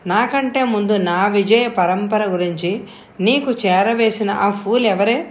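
A woman voicing a headstrong, moody young woman who talks boldly and flares up quickly. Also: mid-range voice, close to an everyday voice. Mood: indignant. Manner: bold, quick-tempered. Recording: echoey room.

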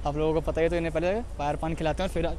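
A man's voice: fairly high pitch, fairly even intonation, rapid-fire. Young man vlogging through a face mask. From Delhi. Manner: chatty, addressing viewers directly. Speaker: food vlogger host. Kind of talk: casual vlog narration. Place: outdoors in a busy city street. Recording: noisy outdoor street audio.

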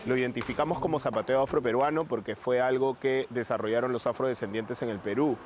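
A middle-aged man from Peru, a dance teacher calmly explaining in an interview. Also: mid-range voice, rapid-fire. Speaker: Afro-Peruvian zapateo teacher. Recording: music playing underneath.

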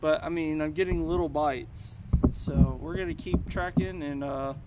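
A man's voice: fairly high pitch, fairly even intonation, moderate pace. A man in his thirties talking casually to the camera while fishing from a kayak on a river, thinking aloud with fillers. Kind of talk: casual fishing vlog narration. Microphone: action camera mounted on the kayak. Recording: outdoor noise from the water.

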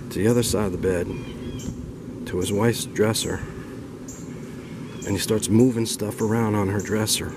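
A man tells a homespun story in a relaxed, rambling way, his voice sitting a little low. Steady noise runs behind him on a homemade recording. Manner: folksy, rambling. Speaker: storyteller vlogger. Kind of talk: casual storytelling.

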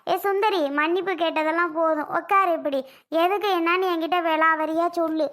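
A woman's voice: very high voice, steady tone, a little fast, fairly bright tone. A woman, performing a chatty, scolding family skit.

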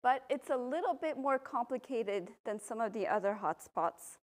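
A volcanologist from Belgium giving a public talk, a woman explaining at a podium microphone in a university lecture room, relaxed, with frequent ums. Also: a little high, moderate pace. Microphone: podium microphone, filmed from a far camera.

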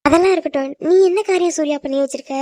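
A woman's voice: high-pitched, rapid-fire, dark tone, dry recording, studio quality, natural voice. A woman voicing a reproachful middle-aged mother. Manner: reproachful, pleading. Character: middle-aged mother scolding her son.

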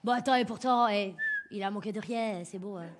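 A woman comedian does a stand-up character monologue as a brash, crude working-class mother who brags and rambles, packing her speech with fillers and swearing. Her natural voice is medium-pitched and a little fast, with background noise audible.

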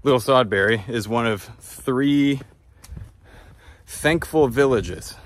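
Speaking slowly at a medium pitch, a travel vlogger in his thirties chats casually and reflectively while walking outdoors along a countryside footpath, recording on a phone held at arm's length.

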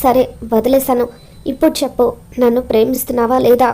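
A woman's voice: a little high, level tone, fairly quick, mellow, natural voice. A woman voicing an insistent young man pressing for an answer of love. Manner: pleading, insistent.

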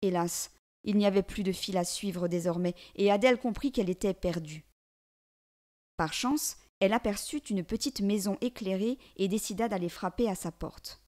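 A woman reading a children's storybook aloud in a gentle, measured, expressive way. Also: medium pitch.

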